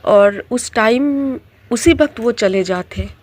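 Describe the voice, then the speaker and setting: Slow, halting middle-aged woman. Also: a little high, a little mellow. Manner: slow, halting telling with many restarts, mixing English words into Hindi. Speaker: tarot reader. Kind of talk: personal storytelling.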